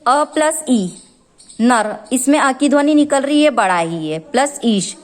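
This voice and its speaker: A woman teacher walks through a grammar lesson at an unhurried pace. Her voice sits fairly high, and she breaks each rule into small steps, posing questions and answering them herself. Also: animated. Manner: explains step by step, asks and answers her own questions. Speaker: school teacher.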